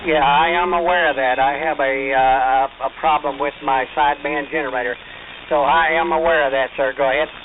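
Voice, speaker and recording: A man running an amateur radio net in a relaxed, folksy, polite way, his signal drifting slightly off tune. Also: medium pitch, fairly quick. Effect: ham radio signal drifting slightly off tune. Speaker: net control operator. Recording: tinny shortwave radio with heavy hiss.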